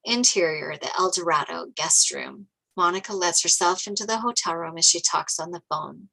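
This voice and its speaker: A woman narrates screenplay directions aloud, setting scenes and describing action in scripted narration. Her voice is fairly low for a woman yet bright and forceful, at normal speed with vocal fry, and the audio quality is poor.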